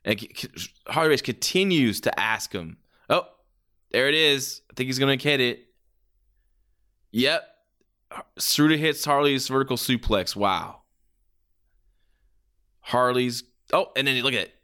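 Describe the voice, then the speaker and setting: A man's voice: mid-range voice, lively intonation, a little slow, pauses often, sharp tone. A man doing casual play-by-play as a wrestling commentator, reacting with exclamations and the odd swear word.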